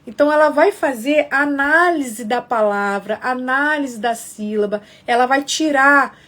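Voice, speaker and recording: A woman's voice: sits high, unhurried, fairly bright tone. A woman explaining literacy games step by step in a casual live lesson, often checking in with viewers. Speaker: educator teaching literacy games.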